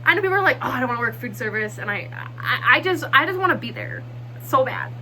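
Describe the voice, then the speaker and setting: A young woman vlogging in a casual, excitable way, chatting quickly and nervously with frequent laughs. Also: sits high, a little hiss or hum, low-quality recording. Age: young adult. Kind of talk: casual vlog chat.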